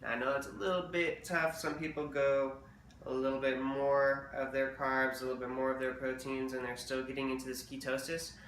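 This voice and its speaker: Man, casual diet vlogger, rambling and chatty, bright edge, roomy distant sound with faint ambience. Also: mid-range voice, flat delivery, a little fast, a little hiss or hum. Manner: rambling, chatty, fillers and restarts. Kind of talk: casual diet update vlog.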